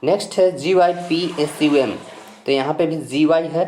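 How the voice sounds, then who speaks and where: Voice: mid-range voice, normal speed, a little mellow, a little hiss or hum. Patient teacher spelling out letters in an echoey room. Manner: patient and reassuring, spells out letters and repeats each rule. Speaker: English pronunciation teacher. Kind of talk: step-by-step spoken lesson. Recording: roomy echo.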